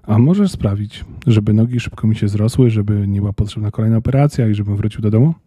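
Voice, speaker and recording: A man's voice: fairly low pitch, quick pace, warm tone, slightly rough, no room sound. A man voicing a young boy stuck in a hospital bed, earnest and plain. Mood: sad.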